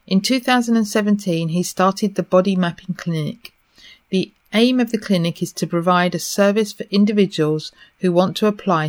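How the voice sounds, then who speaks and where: A woman hosting a podcast, introducing and questioning a guest. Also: lowish voice. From Essex, England. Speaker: podcast host. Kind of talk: scripted introduction and interview hosting.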